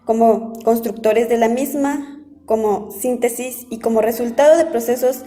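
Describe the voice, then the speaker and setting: A woman's voice: a little high, moderate pace, dark tone. A woman reading a scripted academic statement in a formal style. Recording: long hall-like reverb.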